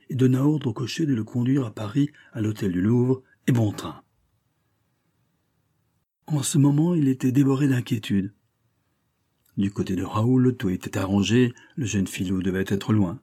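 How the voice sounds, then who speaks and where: Male audiobook narrator, dark husky voice, measured storytelling. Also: on the low side. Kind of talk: scripted narration of a novel.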